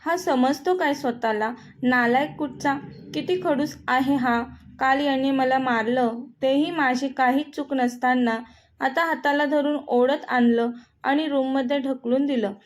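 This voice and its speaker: Tearful young wife, bitter and complaining as a high-voiced lady reads her. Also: steady tone, a little slow. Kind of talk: storybook reading.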